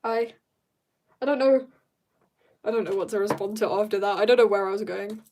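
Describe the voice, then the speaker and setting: Drawing on an art livestream, a young woman, teenage or young adult, chats loosely and giggles, rambling through slangy asides. Her mid-range voice is a little mellow and moves fairly quickly. Slight background noise can be heard.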